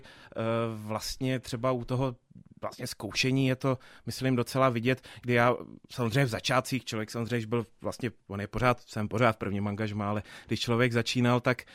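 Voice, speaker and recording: A young man answers interview questions about his work in theatre, hesitating often and restarting sentences. His pitch stays fairly even and flat. The recording is close and dry, with no room sound. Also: smooth, no room sound. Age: 20s. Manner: thoughtful, hesitant with many fillers and restarts. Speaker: theatre dramaturg.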